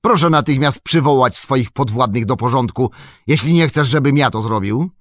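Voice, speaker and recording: A man reading an audiobook voices a brash, cheerful young hobbit who barks orders in a high, loud voice. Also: moderate pace, dry recording, studio quality, close to an everyday voice. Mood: commanding. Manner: high, loud, bossy shouting.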